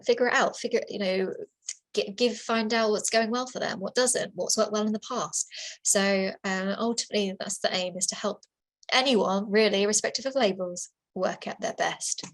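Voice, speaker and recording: This woman's medium-pitched voice is fairly bright and a touch fast, captured in a rough recording through her computer microphone. Speaking as a workplace assessor in a webinar, she's casual, repeats herself, and often stops to restart amid many fillers.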